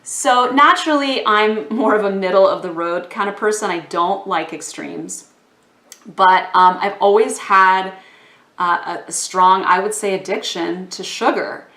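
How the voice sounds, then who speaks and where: A woman from Texas talking casually to camera in a vlog, a little hoarse from losing her voice, chatty with fillers. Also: mid-range voice, a little slow, pushed and bright. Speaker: yoga vlogger. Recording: echoey room.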